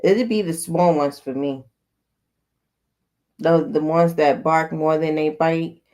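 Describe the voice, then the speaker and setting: A woman's voice: low voice, steady tone, slow pace, mellow. A woman co-hosting a livestream, chatting bluntly and teasing her partner. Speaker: livestream co-host. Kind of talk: casual live chat.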